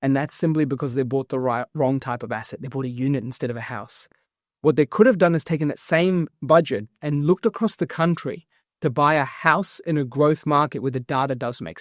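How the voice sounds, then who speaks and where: In a casual interview, a fairly high-pitched guest from New Zealand, founder of a property investment firm, talks with high energy and quick, filler-laden explanations. The audio is clean studio sound with no room noise.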